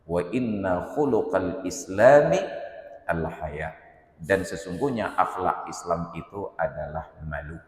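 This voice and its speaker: A man's voice: deep voice, lively intonation, slow, darkish tone. A man with an Acehnese accent preaching a sermon, stern and emphatic, telling stories. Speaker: Islamic preacher. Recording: echoey reverberant hall.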